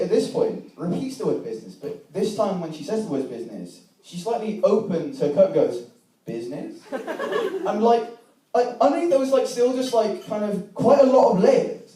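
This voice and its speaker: A young man tells a wry, self-deprecating comedy story with a bouncy, animated delivery. His voice sits a little high for a man, with a soft, mellow tone. The mic is far from him, and the room rings with heavy echo. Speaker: stand-up comedian. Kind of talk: stand-up storytelling.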